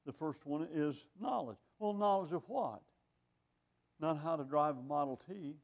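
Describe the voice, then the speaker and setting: An older male preacher with a somewhat high, gravelly voice delivers a sermon at a measured pace. He's conversational and wry, reading scripture aloud in older phrasing and asking rhetorical questions.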